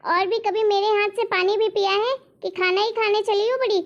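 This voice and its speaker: A woman voicing a spoiled, lazy young married daughter in an animated story, talking back indignantly. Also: very high voice, normal speed. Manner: indignant, argumentative. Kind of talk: cartoon story voice acting. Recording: dull lo-fi recording.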